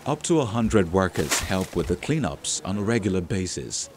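A man's voice: sits low, sing-song, normal speed, noisy background. A man reading a scripted news feature as a voice-over. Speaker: report narrator.

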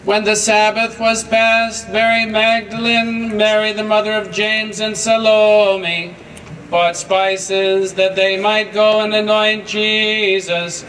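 A priest chants the Gospel in a high, steady voice that barely moves in pitch. He takes his time over every phrase. The sound reaches a camera far back in a large candlelit church, with a faint hum of the congregation behind. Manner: slow, even, intoning.

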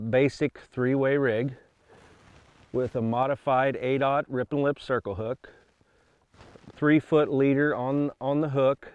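A man who fishes catfish tournaments, calmly explaining his rig step by step from a boat. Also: mid-range voice, clean tone, no room sound. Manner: steady, practical instructional talk. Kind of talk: casual how-to demonstration. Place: open boat on a reservoir.

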